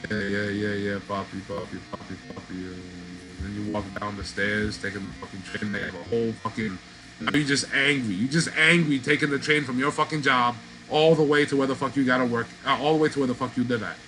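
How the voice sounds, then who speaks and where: A middle-aged man hosting a podcast, talking in a loose, profane, animated street style. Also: medium pitch, fairly quick, over music, rough recording. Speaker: podcast host. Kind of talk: casual monologue.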